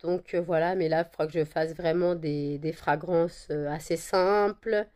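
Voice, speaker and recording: Woman, hoarse with a cold, low voice, mellow tone, rambling casual vlog chat. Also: fairly even intonation, moderate pace. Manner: rambling, many fillers and repeated words; coos at her dogs in a high sing-song. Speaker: vlogger selling handmade candles and wax melts.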